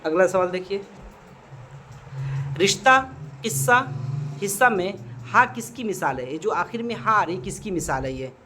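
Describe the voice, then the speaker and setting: A man's voice: high-pitched, lively intonation, fairly quick, sharp tone, slight background noise. A male teacher going through exam multiple-choice grammar questions, asking questions and answering them himself, checking in with the class often. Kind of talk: exam prep grammar lesson.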